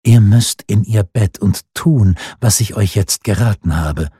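A man's voice: on the low side, unhurried, dark tone, husky, dry recording, clean studio sound. A man reading the part of a cold, scheming noblewoman who commands the king. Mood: insistent. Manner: commanding, insistent.

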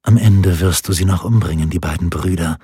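A man voicing a cold, seductive woman with a rough, sensual voice. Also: low voice, brisk, warm tone, no room sound, studio quality, pitched below the performer's own voice. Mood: sultry.

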